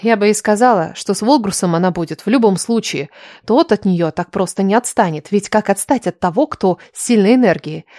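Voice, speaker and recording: A woman narrating a fantasy novel in the first person, in an even, reflective storytelling tone. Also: mid-range voice, brisk, no echo, clean studio sound. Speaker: audiobook narrator.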